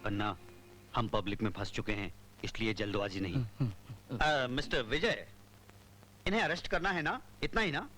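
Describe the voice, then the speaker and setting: An actor dubbing a calm, self-important government minister who speaks with authority. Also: male voice, medium pitch, normal speed, pauses often, faint music behind, natural voice. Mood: commanding. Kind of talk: Hindi film dubbing.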